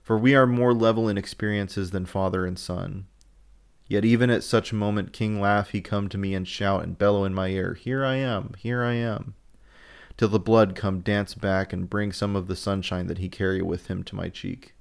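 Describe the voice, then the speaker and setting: A man's voice: on the low side, fairly even intonation, moderate pace, gravelly, smooth. A man reading aloud as an old Dutch male professor, sorrowful and philosophical, with earnest, broken old-fashioned phrasing.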